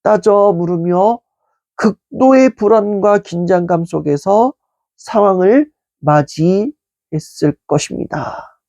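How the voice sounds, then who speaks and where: A pastor giving a calm, measured sermon at an online prayer meeting, slowing down and softening the voice for quoted words. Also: mid-range voice, dry recording, studio quality. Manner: calm, measured preaching with soft, slowed quotations.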